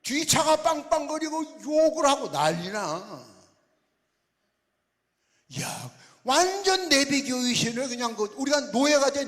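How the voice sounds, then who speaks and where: Animated older Korean pastor preaching in a hall. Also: male voice, high-pitched. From Chungcheong, Korea. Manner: folksy, teasing the congregation with banmal questions. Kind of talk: revival sermon. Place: large church sanctuary. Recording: long hall reverb.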